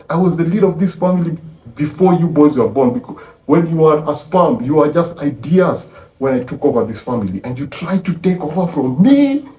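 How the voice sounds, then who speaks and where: A man voicing a fierce, proud older matriarch in a retold drama scene, with a shrill, commanding delivery. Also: warm tone, close to an everyday voice. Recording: roomy, distant from mic.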